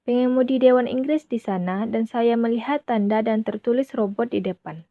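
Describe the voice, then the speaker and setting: A woman reading a translated voice-over in a steady manner. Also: on the high side, moderate pace, no room sound. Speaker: voice-over interpreter. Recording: dull, dry lo-fi recording.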